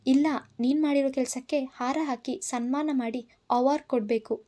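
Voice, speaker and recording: A woman voicing an angry young man who shouts and gives orders, in a storybook reading. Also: sits high, steady tone, normal speed, natural voice. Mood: furious. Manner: shouting, commanding. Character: furious young man confronting his obsessive cousin.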